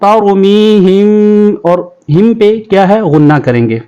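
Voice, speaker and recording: Guy teaching kids quran reading, high clean voice, fast explaining then slow chanty recitation, kinda muffled audio. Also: expressive, mellow, smooth. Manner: alternates quick explanations with slow, drawn-out recitation; addresses children as pupils. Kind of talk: tajweed lesson, spelling out and chanting Arabic words.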